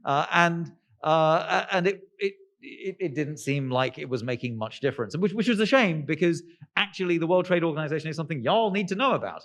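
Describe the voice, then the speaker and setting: A male author answering interview questions in a posh-sounding voice, halting with lots of fillers and restarts, with wry, sardonic asides. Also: mid-range voice. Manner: self-described posh-sounding voice.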